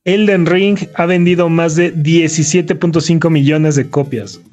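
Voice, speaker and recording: Dude on a gaming podcast, kinda high voice, chill, says dude a lot, little music under it. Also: male voice, fairly even intonation, measured pace, a little mellow. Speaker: podcast co-host reading news. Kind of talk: casual gaming podcast chat.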